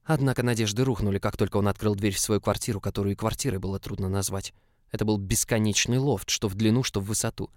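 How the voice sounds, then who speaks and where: A man narrating a novel in the first person in an even, measured reading. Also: on the low side, dry recording, clean studio sound. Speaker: audiobook narrator.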